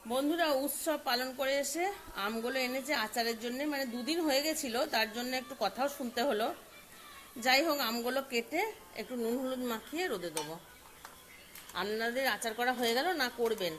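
Bright-voiced woman chatting to viewers. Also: a little high, expressive, moderate pace, slight background noise. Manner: chatty, keeps asking viewers questions as friends. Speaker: vlogger host. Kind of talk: casual home vlog. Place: home kitchen and dining room.

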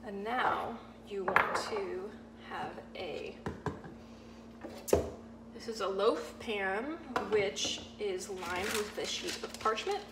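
A young woman, a sous chef, explaining a cooking demonstration step by step in a relaxed way, with frequent ums. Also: medium pitch, takes it slowly. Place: home-style kitchen, indoors. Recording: echoey kitchen with audible background noise.

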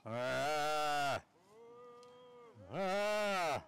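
A man hosts a live contest out in a cow pasture, talking to the people around him in a casual, teasing way. He takes his time between phrases, in a voice a bit higher than most men's. The mood is lighthearted, with running jokes for the crowd. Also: expressive, very slow, gravelly, a bit bright, a little hiss or hum. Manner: joking, teasing banter with the crowd. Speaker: contest announcer. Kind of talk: casual live event announcing.

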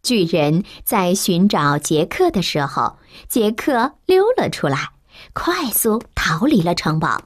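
A woman narrating a children's storybook slowly and expressively. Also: lowish voice. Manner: slow, expressive, lively storytelling.

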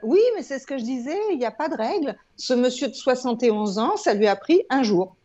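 Her voice sits on the high side, dark and expressive, moving fairly quickly as this woman in her sixties explains things in a conversational interview. She's a guest, an eye yoga trainer and author, speaking emphatically and repeating words from an indoor home room with shelves. The video call, captured on wired earphones, sounds dull and lo-fi.

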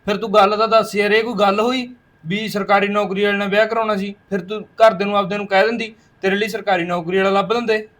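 A man's voice: high voice, level tone, fairly bright tone. A young man playing an exasperated husband who scolds and argues with his new wife. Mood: scolding. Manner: arguing, scolding, rapid. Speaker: actor in a short film.

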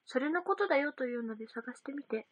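A woman's voice: high voice, expressive, quick pace, no echo, muffled recording. A young woman chatting casually on a livestream, reading out viewer comments and giggling often. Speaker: idol livestream host.

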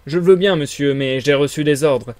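A man voicing a stubborn, dutiful village police constable in a read-aloud story, speaking loudly and insistently. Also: a little high, normal speed, no room sound, lightly acted. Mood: firm. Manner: loud, insistent. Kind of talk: audiobook character reading.

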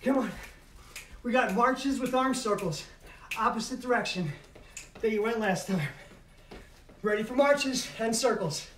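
High-pitched male aerobics instructor, urging. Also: a little slow, pauses often. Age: middle-aged. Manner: urging, motivating, calling out over exertion. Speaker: fitness instructor leading a home workout. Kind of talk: aerobics instructor calling out moves. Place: carpeted living room at home. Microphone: camera several metres away. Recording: echoey room, distant mic, noisy.

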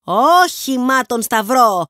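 A woman voicing a burly, blunt middle-aged hosier with a thunderous, plain-spoken shout, in a storybook reading. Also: on the high side, very animated, dry recording, clean studio sound, voice pushed up.

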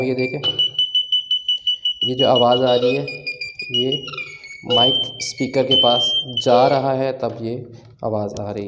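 Against a noisy background, a medium-pitched male tech host with a Pakistani Urdu accent runs a hands-on tutorial. Working with his hands at a table, he describes what he's doing in a relaxed, explanatory way, leaning on lots of fillers.

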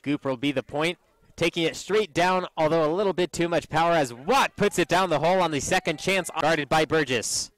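A man commentates youth basketball with quick, excited calls. His voice is bright and a little high, recorded close and dry with no room around it. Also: no echo, low-quality recording. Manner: energetic, excited calls on made shots. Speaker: play-by-play commentator.

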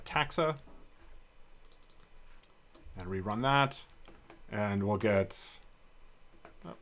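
A man giving a screencast coding tutorial, thinking aloud with frequent ums as he types code. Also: mid-range voice. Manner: relaxed, thinking aloud with many ums while typing code. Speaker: programming instructor.

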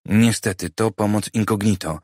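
A man voicing a cautious, clever private detective who talks in a measured, persuasive way, in an audiobook. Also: lowish voice, fairly even intonation, darkish tone, dry recording, studio quality, natural voice.

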